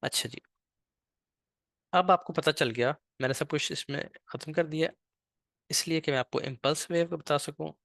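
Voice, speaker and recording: A man teaching a live online trading class, patient and slow on purpose, often checking in with "ठीक है". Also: on the high side, vocal fry, a bit bright, no room sound, clean studio sound. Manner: speaks slowly on purpose.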